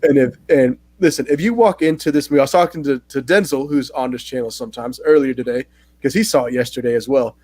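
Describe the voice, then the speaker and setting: A man hosting a casual movie-review chat, relaxed and animated when he gets going. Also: medium pitch, quick pace, dry recording. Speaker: host.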